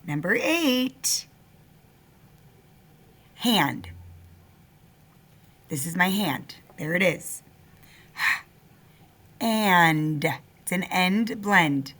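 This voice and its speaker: A woman teacher dictates a first-grade spelling test, slowly sounding out each word and repeating it, with simple instructions for young children. Her voice is on the low side with a fairly bright tone.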